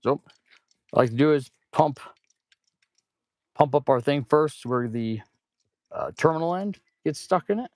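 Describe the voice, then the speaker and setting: Gravelly, mouth-breathing man on a casual livestream. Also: a little high, lively intonation, a little slow, pauses often, no room sound. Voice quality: stuffy, congested nose. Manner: audible heavy mouth breathing; rambling, informal, addresses viewers as "man" and "guys". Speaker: livestream host and auto shop mechanic. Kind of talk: casual livestream chat while working.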